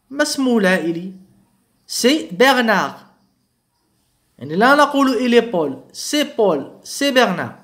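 Man, teacher, high voice, slow lines, quick explanations. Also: fairly bright tone. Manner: reads French lines slowly, explains quickly in Arabic. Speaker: French teacher. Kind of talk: bilingual language lesson.

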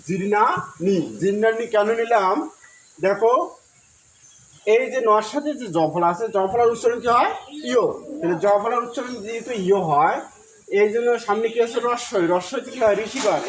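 A man with a Bengali accent teaching Sanskrit pronunciation, asking questions and answering them himself, then chanting verses slowly in a long, drawn-out melody. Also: sits high, echoey room, slight background noise, rough recording. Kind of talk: recorded Gita recitation lesson.

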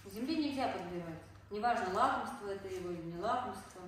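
A woman's voice: mid-range voice, quick pace. A woman dog trainer talking casually, giving short commands and encouraging, cooing praise. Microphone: off-mic, picked up by camera from a distance. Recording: very echoey, distant mic, faint noise.

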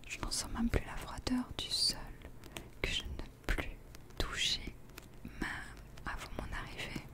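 Young woman in a hushed library whisper. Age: young adult. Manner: slow, deliberate delivery with pauses. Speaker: ASMR creator. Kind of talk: whispered ASMR story reading. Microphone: close desk microphone, headphones on.

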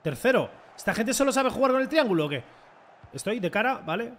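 A young man with a Spain Spanish accent, commenting his own football video game in an excitable, mocking way and swearing often. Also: very high voice, a little fast. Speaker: gaming content creator. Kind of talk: casual gameplay commentary.

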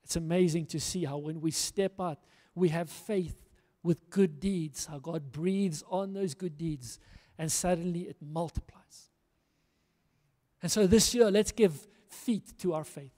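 Preaching into a handheld microphone on the stage of a big church hall, this middle-aged pastor from South Africa has a mellow voice, a little high and a little slow. His sermon is earnest and rousing, full of emphatic repetition, and the recording carries long hall reverb.

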